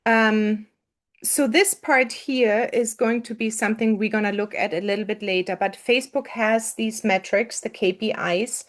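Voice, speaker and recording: A woman coaching students through an online marketing lesson, talking casually with frequent fillers and restarts. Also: fairly high pitch.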